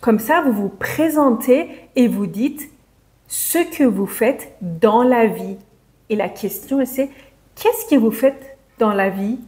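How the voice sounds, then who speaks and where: Woman teaching beginners, kinda high voice, super slow, says every example carefully. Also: expressive, a little mellow. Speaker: French teacher. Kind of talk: slow, clear language lesson for beginners.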